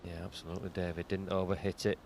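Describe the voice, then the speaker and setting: A man giving hushed live snooker commentary in an understated, conversational and analytical way. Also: low-pitched, level tone, fast, vocal fry, slight background noise.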